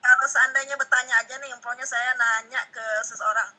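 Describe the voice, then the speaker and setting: Breathy, bright-voiced woman student. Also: high voice, flat delivery, fast talker, low-quality recording. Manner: inquisitive, repeats words to practice. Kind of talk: asking questions in an online lesson.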